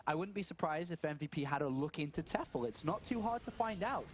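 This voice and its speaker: A man casting a live strategy game match, thinking aloud in quick questions and answers. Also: on the high side, lively intonation. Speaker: esports caster.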